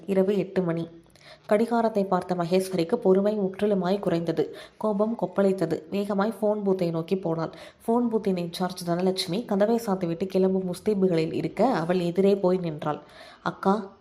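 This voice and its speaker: A woman narrating a scripted story in a steady, measured reading. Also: medium pitch.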